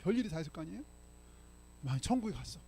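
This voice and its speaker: A man's voice: fairly high pitch, big pitch swings, racing, vocal fry, warm tone, slight background noise. An older man preaching a sermon as pastor, telling stories in a chatty way and often checking in with the congregation. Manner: conversational storytelling, frequent "예?" to congregation. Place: church sanctuary.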